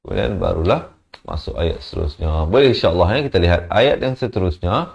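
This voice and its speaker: A deep-voiced man with a Malaysian Malay accent teaches the rules of Quran recitation, chanting short phrases before slipping into quiet spoken explanation. He patiently corrects errors one syllable at a time. His delivery is expressive, a little fast and creaky, and the recording sounds lo-fi.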